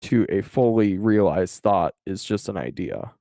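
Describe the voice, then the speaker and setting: Mellow-voiced young man, dry sound. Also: fairly low pitch, unhurried, no echo. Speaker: podcast co-host. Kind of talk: casual chat.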